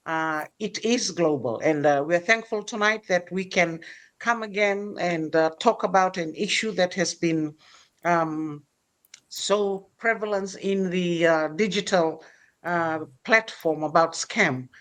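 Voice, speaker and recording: A middle-aged woman from Fiji hosting a casual livestream chat, pausing often with fillers. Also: fairly low pitch. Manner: hesitant, many fillers. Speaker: host.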